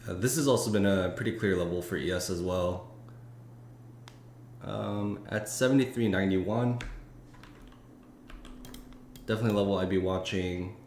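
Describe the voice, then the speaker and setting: Male streamer, low voice, casual and halting, lots of fillers; roomy echo, keyboard typing behind. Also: a little mellow. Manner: rambling, thinking aloud with many fillers and restarts. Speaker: futures trading streamer. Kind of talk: casual live-stream market commentary. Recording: echoey room with faint noise.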